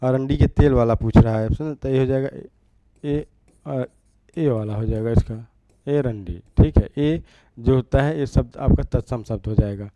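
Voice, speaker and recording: A man's voice: mid-range voice, normal speed, mellow, no room sound, highs cut off. A man teaching an exam-prep grammar lesson, repeating each word and asking rhetorical questions as he writes.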